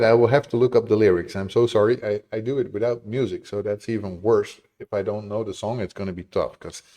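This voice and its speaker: A man's voice: lowish voice, warm tone. A man chatting casually with his live-stream viewers in a chatty, apologetic, easily amused way. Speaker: game dev streamer.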